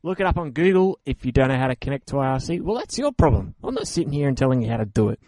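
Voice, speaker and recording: A man of middle pitch hosts a casual radio show and rambles through the credits with playful jokes. His voice sounds dry and close, with no room around it. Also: very animated, rapid-fire, darkish tone, no echo. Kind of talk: casual show sign-off chat.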